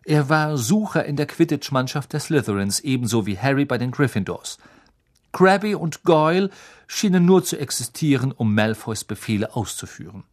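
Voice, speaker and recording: A man reading a novel aloud as a narrator, expressive, and acting out each figure's voice. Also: medium pitch, normal speed. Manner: animated, acts out every voice. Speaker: audiobook narrator.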